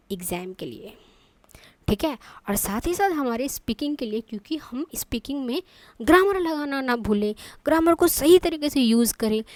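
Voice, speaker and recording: A woman's voice: sits high, a little mellow, no echo. A woman teaching an online English grammar lesson, explaining step by step and checking in with her students often.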